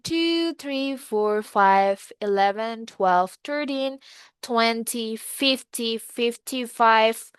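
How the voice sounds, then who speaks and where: A woman's voice: fairly high pitch, a bit bright, smooth, dry recording. A woman with an Indonesian accent teaching English numbers in an online class, switching between Indonesian and English and drilling the words patiently. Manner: patient, slow drills, asks students to answer in chat.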